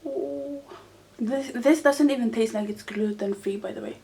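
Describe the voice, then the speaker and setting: A young woman hosting a casual mukbang, chatting excitably to viewers as she eats. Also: a little high, moderate pace. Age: teenager to young adult. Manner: excitable, exclaiming, talking to viewers while eating. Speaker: mukbang host. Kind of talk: casual mukbang eating chat to camera.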